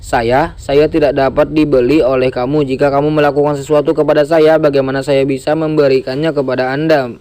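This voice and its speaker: A man's voice: fairly high pitch, level tone, a little fast, a little mellow, natural voice. A man reading the lines of a frightened young woman, panicked and pleading.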